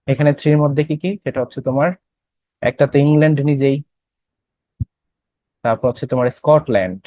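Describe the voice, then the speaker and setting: This classroom lecture features a young man with a Bangladeshi accent and a medium-pitched, darkish voice, teaching English for admission tests in Bengali peppered with English terms while quizzing students. There's no room sound, and the highs are cut off.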